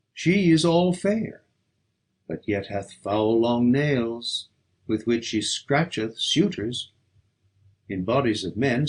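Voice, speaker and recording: Reciting poetry for an audiobook, a man reads in a markedly rough, breathy-husky voice. His slow, declamatory delivery swings widely in pitch around a middling register, with theatrical emphasis.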